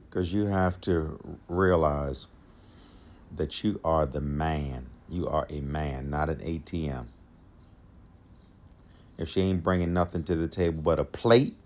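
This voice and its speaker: Deep-voiced man giving dating advice. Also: slight background noise. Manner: repeats key lines for emphasis, chuckles to himself. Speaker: podcast host.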